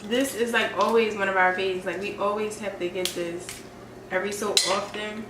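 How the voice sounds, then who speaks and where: A young woman chats between bites at a seafood meal, her talk full of "like" and loose restarts. Her voice sits at an ordinary middle pitch. The room is echoey, with steady background noise and the clatter of dishes. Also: moderate pace, far from the mic. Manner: chatty, eating while talking, many "like" fillers. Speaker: vlog co-host. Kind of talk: casual mukbang chat.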